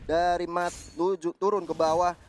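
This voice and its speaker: A man's voice: high voice, level tone, normal speed, slight background noise. A man with an Indonesian accent giving live esports commentary, explaining the play as it unfolds.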